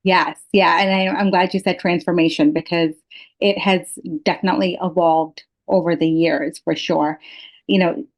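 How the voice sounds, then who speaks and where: A woman's voice: on the low side, steady tone, normal speed. A woman from Pakistan talks as a podcast guest, explaining her personal views and experience in an earnest, reflective way. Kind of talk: reflective personal interview talk.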